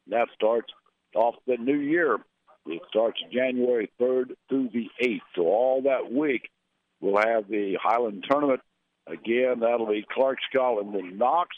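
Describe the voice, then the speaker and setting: A man's voice: mid-range voice, a little slow, a little hiss or hum. Guy doing local hoops on the radio, chatty, sounds thin like over a phone line. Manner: conversational, reads scores and schedules. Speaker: radio sports announcer. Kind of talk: local radio basketball broadcast.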